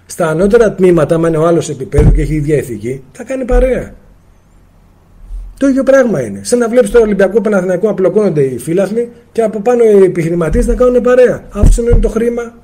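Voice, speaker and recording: Husky, animated man teaching a live seminar. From Greece. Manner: animated, acts out little dialogues with sudden pitch swings; addresses listeners directly as friends. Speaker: spiritual teacher. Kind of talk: live seminar answering viewer questions.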